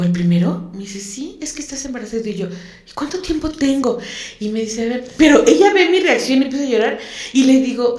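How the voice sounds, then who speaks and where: A woman's voice: high-pitched, a little mellow. A woman, a guest telling a personal story in an interview, emotional and repeating words for emphasis. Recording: echoey room.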